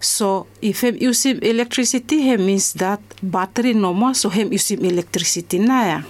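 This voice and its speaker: A woman teacher with a Solomon Islands accent gives a school lesson in English mixed with Solomon Islands Pijin, in a deliberate, explanatory way. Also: mid-range voice.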